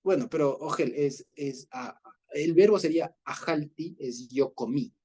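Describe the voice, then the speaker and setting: A man leading an informal Bible study, explaining patiently, checking in with his listeners and pausing on fillers as he searches for words. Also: on the high side, warm tone, slightly rough. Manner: explanatory, often checks in with a questioning "ya?"; hesitant, with fillers and restarts.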